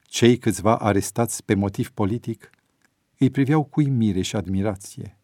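A man reading a story aloud in a measured narrating voice. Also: on the low side, warm tone, dry recording, studio quality. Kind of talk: scripted narration.

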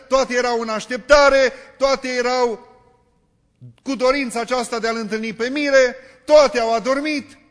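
A man with a very high voice delivers a sermon, hammering his point with one rhetorical question after another. His words ring out with the long reverb of a large hall. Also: a bit bright. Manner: repetitive rhetorical questioning, emphatic. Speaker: preacher.

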